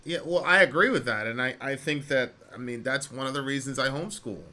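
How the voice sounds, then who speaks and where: A male talk show host with a very bright, forceful voice at a medium pitch. He speaks conversationally but emphatically to a caller, restating phrases to stress his opinions. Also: fairly quick.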